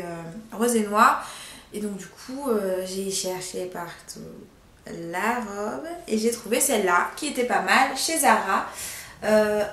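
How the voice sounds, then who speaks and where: A young woman chatting casually in a haul video, giggly and chatty, dropping into soft asides. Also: a little high, a little hiss or hum. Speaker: beauty vlogger. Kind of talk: casual haul vlog chat. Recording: echoey room.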